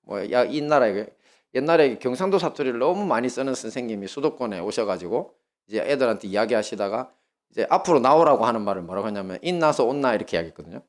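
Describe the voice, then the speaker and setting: Speaking fast in a lowish voice, a male pastor with a Gyeongsang Korean accent preaches. His sermon leans on lively storytelling and questions put to the congregation.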